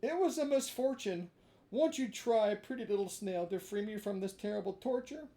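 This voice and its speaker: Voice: normal speed, mellow, lightly acted. The reader voicing a young marionette boy who pleads, begs and loses his temper in a storybook reading. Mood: desperate. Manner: high, urgent pleading.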